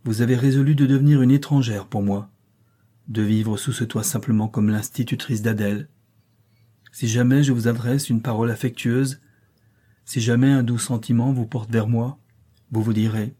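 A man reading aloud and voicing a passionate, tormented middle-aged gentleman, in an impassioned, pleading manner. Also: medium pitch, breathy edge, close to an everyday voice.

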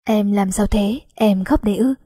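A woman's voice: mid-range voice, moderate pace, dark tone, breathy edge, no room sound, studio quality, close to an everyday voice. Woman reading as a caring young chairman. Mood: worried. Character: young male company chairman, caring and worried.

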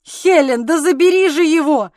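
A petulant young husband, jealous and quick to sulk, barks his grievances in a high, strained voice, as a woman reads him. The audiobook sound is dry and close, with no room around it. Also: no echo, close to an everyday voice. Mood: alarmed. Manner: loud, sulky and exasperated. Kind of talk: audiobook character voicing.

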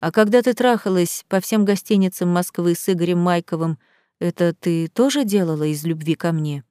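A woman's voice: normal speed, dark tone, smooth, dry recording, clean studio sound, close to an everyday voice. Woman voicing a bitter, menacing young man. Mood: scornful. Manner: harsh, hissing, low menacing threats. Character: angry young man, bitter and contemptuous groom.

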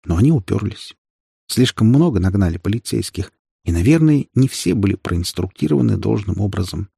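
Gravelly husky guy reading a gritty audiobook, lots of swing in the voice. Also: on the low side, expressive, brisk, warm tone, no room sound, clean studio sound. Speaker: audiobook narrator. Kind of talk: dramatic audiobook narration.

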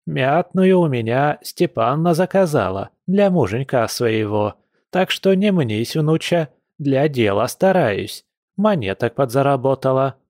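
A man's voice: mid-range voice, animated, darkish tone, no room sound, studio quality, close to an everyday voice. A man voicing a grumbling, crafty old village grandmother in an audiobook, drawing out her words in a folksy, wheedling way. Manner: folksy, wheedling, drawn-out speech. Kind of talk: audiobook character voice.

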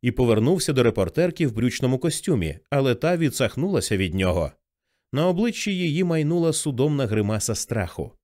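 A male audiobook narrator with a middle-pitched voice. His reading is expressive and his pitch rises and falls widely. The delivery is steady and story-driven. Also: fairly quick.

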